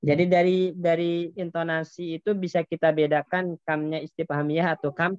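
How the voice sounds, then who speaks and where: A man's voice: on the high side, little pitch movement, moderate pace, clear, resonant tone, no echo. Patient male Arabic teacher, lo-fi. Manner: patient, explains step by step, asks students questions. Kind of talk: online Arabic grammar class.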